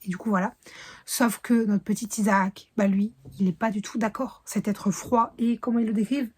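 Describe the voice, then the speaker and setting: A woman's voice: mid-range voice, steady tone, normal speed, a little mellow, husky. A woman chatting casually in a reading vlog, rambling with fillers and self-corrections, now and then dropping to a whisper. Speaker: book vlogger.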